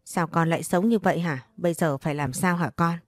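A woman's voice: lowish voice, brisk, no echo, clean studio sound, natural voice. A woman reading as an anguished middle-aged mother. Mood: imploring.

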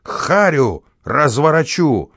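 A man voicing a drunk, enraged male janitor who bellows drawn-out curses in an audiobook. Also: lowish voice, huge pitch swings, slightly rough, dry recording, studio quality, heavily acted. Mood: furious.

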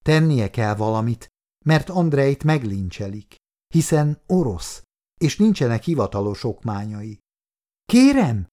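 A man narrating an audiobook in a steady, measured way. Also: mid-range voice. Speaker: audiobook reader.

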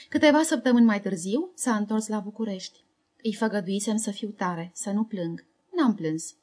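A woman narrating a memoir novel as an audiobook, in a calm, measured, reflective reading. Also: a little high.

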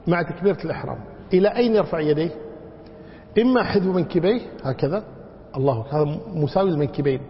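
A man teaching a religious lesson, demonstrating mispronunciations by drawing words out and telling anecdotes. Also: a little high. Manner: demonstrates wrong pronunciations by drawing words out, tells anecdotes with a chuckle. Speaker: religious scholar teaching a book. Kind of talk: classroom lesson on prayer. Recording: dull lo-fi recording in a reverberant hall.

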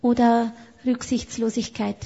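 A woman interpreting a sermon live in a level, steady voice. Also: fairly high pitch, unhurried, vocal fry. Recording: echoey hall, dull sound.

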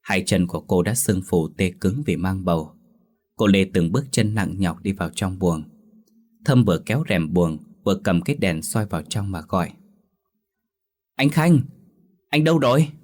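A man narrating a ghost story in a slow, measured, suspenseful scripted style. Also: deep voice, darkish tone.

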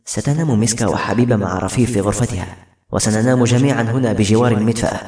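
A man voicing a kindly older host who speaks softly and gently. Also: fairly low pitch, rapid-fire, reverberant, recorded from a distance, close to an everyday voice. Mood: gentle. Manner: soft, hushed.

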